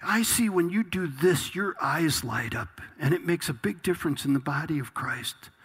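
Husky guy pastor, slightly high voice, reads a story then really gets going preaching. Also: animated, moderate pace, fairly bright tone. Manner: reads a passage aloud, then preaches with rising intensity. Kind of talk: sermon.

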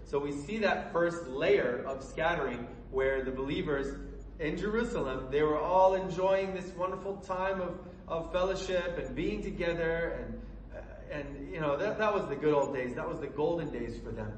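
A man preaching a sermon with a fairly high voice. He talks earnestly and haltingly, with plenty of fillers and restarts. He is recorded in an echoey room, away from the mic, with faint background noise. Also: distant mic. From Colorado, USA.

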